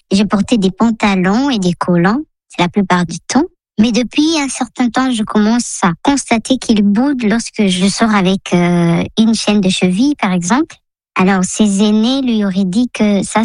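A woman's voice: mid-range voice, a little mellow, no room sound. A woman leaving a personal testimony as a recorded listener message, her voice altered by a voice changer. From DR Congo. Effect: voice changer, digitally disguised voice.

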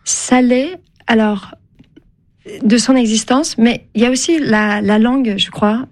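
A novelist born in Turkey, whose first language is Turkish, speaks French as a guest on a radio interview. Her fairly high voice has a darkish tone and a slightly slow pace, and she's thoughtful and hesitant, with many fillers and restarts.

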